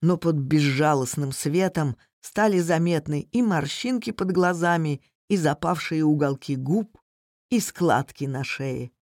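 Slow, measured audiobook narrator. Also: medium pitch, a little mellow, no room sound, clean studio sound. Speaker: audiobook reader. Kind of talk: scripted narration.

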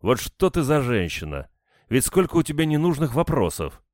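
A man voicing a gruff, impatient male interrogator who talks down to the woman he questions. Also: lowish voice, animated, a little fast, no room sound, studio quality, voice pushed up, natural voice. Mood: brusque. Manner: brusque, condescending.

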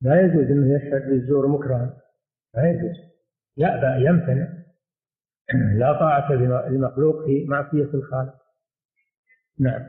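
A man teaching a religious lesson and answering questions, speaking in a measured way and often repeating his phrases. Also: mid-range voice, steady tone. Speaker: sheikh teaching hadith commentary. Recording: echoey room over a tinny phone-like line.

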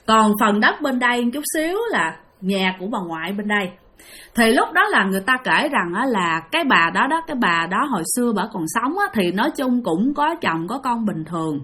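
A woman's voice: mid-range voice, sing-song, brisk, bright, forceful tone, breathy edge. Chatty Southern Vietnamese woman telling ghost stories. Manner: chatty, addresses listeners, heavy filler particles. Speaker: storyteller. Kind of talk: spoken ghost story narration.

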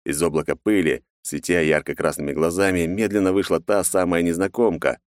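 A man narrating an audiobook in a measured, expressive way. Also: low voice, no room sound, clean studio sound.

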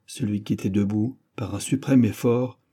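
A man reads a classic tale aloud in a measured, solemn audiobook style. His voice is very dark and husky, set in a fairly low register. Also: fairly even intonation. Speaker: audiobook narrator. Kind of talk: audiobook reading of a classic story.

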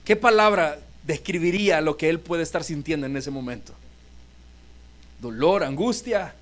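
A man's voice: on the high side, normal speed, a bit bright. A male pastor preaching a sermon in a church, retelling scenes and asking the congregation questions.

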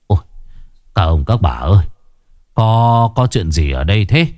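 A man's voice: low voice, expressive, measured pace, darkish tone, no echo, clean studio sound. A man voicing a dazed older village man who asks with a hesitant stammer. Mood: bewildered.

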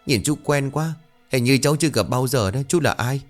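A man voicing a naive young village man who asks puzzled questions quickly. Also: medium pitch, faint music behind, voice pushed up, lightly acted.

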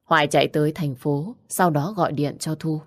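A woman reads a romance story aloud in an even, measured way. Her voice is low and steady. The recording is dry and close, with no room sound. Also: dry recording. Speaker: narrator. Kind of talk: audiobook storytelling.

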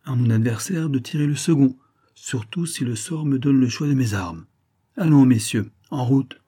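Man reading as a calm young nobleman. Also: medium pitch, normal speed, breathy edge, voice pushed up, lightly acted. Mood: resolute. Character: young male nobleman, calm and resolute before a duel.

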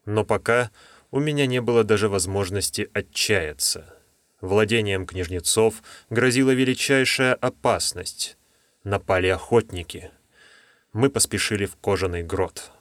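A man reading a fantasy novel aloud as an audiobook narrator, in a measured storytelling manner. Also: fairly low pitch, a bit bright, dry recording.

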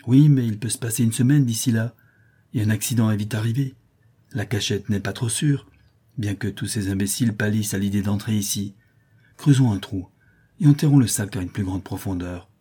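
A nervous, cautious outlaw sidekick, as a storybook narrator puts him on, his words careful and hesitant. The voice is low and warm with a husky edge. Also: a little fast. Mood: wary. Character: wary male outlaw companion, nervous and cautious.

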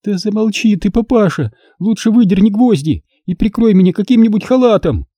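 A man's voice: high voice, expressive, a little fast, mellow, dry recording, pitched above the performer's own voice. A male reader voicing a furious, bossy young woman in pain who scolds and gives orders sharply. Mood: scolding.

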